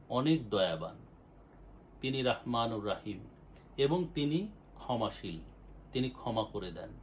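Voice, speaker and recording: A man gives a devotional poetry recital of his own verses. He reads each line with swelling emphasis, then slows into plain, repeated explanation. His voice sits at an ordinary middle pitch for a man. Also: slight background noise. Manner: declaims verses with rising force, then explains them in plain, repetitive talk. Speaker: poet reading his own work.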